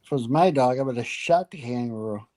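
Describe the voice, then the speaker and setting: A man's voice: mid-range voice, quick pace, warm tone, a little hiss or hum. A man on a sports watch party stream, giving short, laid-back answers in casual chat.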